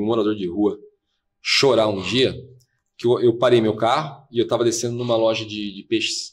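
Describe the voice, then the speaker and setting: A man, a podcast guest, earnestly telling a personal story and replaying conversations as they happened. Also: on the low side. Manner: fast, earnest, replays dialogue. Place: podcast studio.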